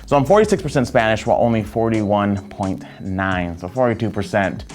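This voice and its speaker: A man's voice: on the low side, lively intonation, brisk, a little mellow, soft background music. A young man talking casually to camera about a test, eager and rambling with many fillers. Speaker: social media staffer.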